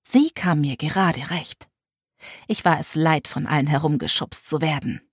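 A woman's voice: low voice, normal speed, breathy edge, dry recording, studio quality. A young woman narrating a first-person audiobook with an intense, emotional delivery.

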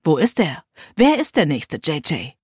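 Woman reading a jealous young man, scornful, crude, husky tone, dry sound. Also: deep voice, huge pitch swings, unhurried, no room sound, full character voice.

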